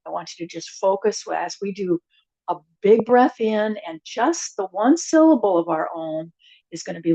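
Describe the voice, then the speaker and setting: A woman teaching a chair yoga and meditation class, giving gentle, unhurried cues with soft asides. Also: medium pitch, dull audio. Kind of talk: guided yoga class instruction.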